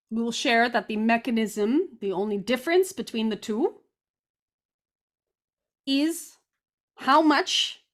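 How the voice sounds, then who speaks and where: High-voiced woman speaking as a seance medium. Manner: formal, deliberate, stilted phrasing, speaking as a plural "we". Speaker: trance channeler giving guidance. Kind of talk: seance medium channeled guidance session.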